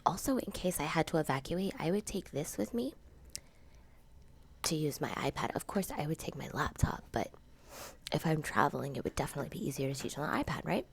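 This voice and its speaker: Sniffly sick woman whispering her vlog at home, low gravelly voice. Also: slight background noise. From Florida, USA. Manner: whispering quietly throughout. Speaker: teacher and channel host. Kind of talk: casual how-to vlog. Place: at home in a dark room.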